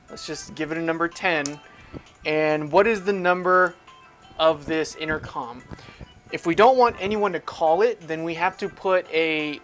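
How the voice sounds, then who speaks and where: A man with a rather high, slightly bright voice leads a casual, step-by-step technical tutorial as an instructor. He demonstrates as he goes, explaining aloud and asking himself questions along the way in an informal manner.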